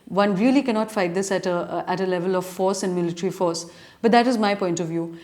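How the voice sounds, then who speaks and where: A journalist and editorial commentator with an educated urban Indian accent answers reader questions, speaking earnestly and argumentatively in long, considered sentences. Her voice is mid-range with a darkish tone, and she talks fast.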